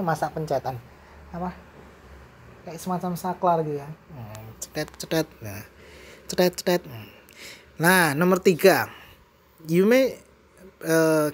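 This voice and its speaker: An English teacher with an Indonesian accent gives a bilingual vocabulary lesson, switching between English and Indonesian and adding playful asides. The voice is medium-pitched, with a little hiss or hum on the recording.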